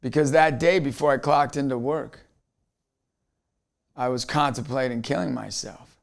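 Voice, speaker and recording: A man's voice: medium pitch, unhurried, creaky. A man, a motivational speaker, telling a personal story in an earnest way, often repeating words as he restarts a thought.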